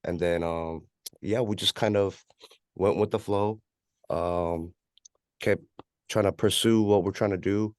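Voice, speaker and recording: This rapper and music producer from California talks as an interview guest, low-pitched and a little slow, keeping a steady tone and taking long pauses. His easygoing West Coast rambling is thick with "you know," and the studio sound is clean, without room sound.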